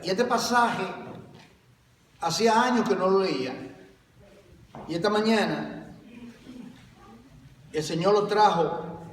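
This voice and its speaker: A male pastor preaching a sermon in a church, asking his listeners questions and calling them brother, swinging between loud emphatic bursts and quieter explanation. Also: high-pitched, a little hiss or hum. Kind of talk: Spanish-language church sermon. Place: church sanctuary. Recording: echoey church hall, mic from far off.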